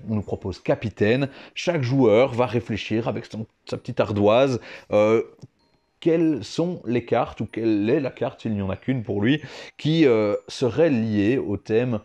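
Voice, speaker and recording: A man's voice: medium pitch, a little mellow. A man co-hosting a casual chat about board games, talking with frequent hesitations. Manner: chatty, hesitant with fillers. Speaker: board game reviewer co-host.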